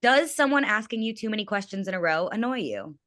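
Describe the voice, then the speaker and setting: Woman, lively up-and-down delivery, bubbly co-host, dry close mic. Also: medium pitch, no room sound. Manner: bubbly, quick joking asides. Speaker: podcast co-host. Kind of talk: casual podcast chat.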